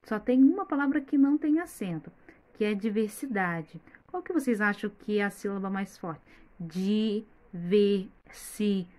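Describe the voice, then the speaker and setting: A woman's voice: mid-range voice, expressive, a little mellow. A woman with a Brazilian Portuguese accent, a primary school teacher giving a recorded remote lesson, who patiently stretches out words and speaks straight to the children. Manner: patient, slowly spells out words and addresses the children directly.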